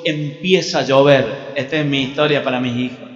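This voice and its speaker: A man's voice: mid-range voice, moderate pace. A man with an Argentine accent preaching a sermon, telling a biblical story with humour in a church hall. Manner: animated, humorous storytelling. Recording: muffled echoey hall with piano.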